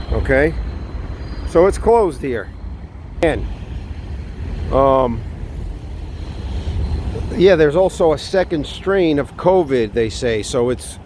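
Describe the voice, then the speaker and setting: American man, casual walking vlog, unhurried and halting delivery, mid-range pitch, light street noise outdoors. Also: a little mellow. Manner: unhurried, halting, thinking aloud while walking. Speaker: vlogger. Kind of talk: casual walk-and-talk vlog to viewers. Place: outdoors, walking along New York City streets. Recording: outdoor city street noise, faint traffic. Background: faint outdoor ambience and vehicles.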